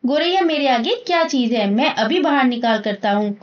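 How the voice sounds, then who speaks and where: Irritable storybook father, bossy and quick to anger, read by a woman teacher. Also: high voice, expressive, dull audio. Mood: angry. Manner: angry, commanding. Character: irritable, hot-tempered middle-aged father.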